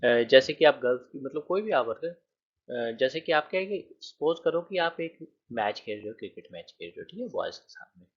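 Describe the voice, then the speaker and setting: Lively husky male grammar teacher. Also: medium pitch, normal speed, muffled recording. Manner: explains with repeated checks and counted examples. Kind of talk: grammar lecture.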